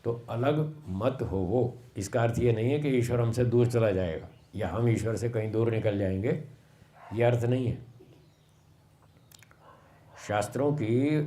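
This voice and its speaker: A man giving a sermon on scripture, slow and explanatory, repeating phrases for emphasis. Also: medium pitch, dark tone. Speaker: swami giving a Vedic discourse.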